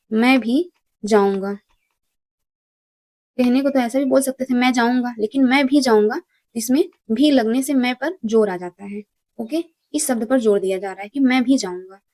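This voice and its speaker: Lady teacher going through exam questions, asks then answers herself, highish voice, dry close sound. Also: a little mellow, no echo. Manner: asks questions and answers them herself, repeats key words. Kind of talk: exam-prep lesson.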